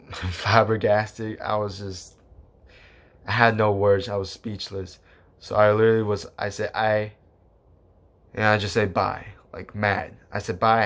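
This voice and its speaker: A young man telling a personal story to his viewers in a rambling way, with many fillers, restarts and casual swearing. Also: fairly low pitch. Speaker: vlogger.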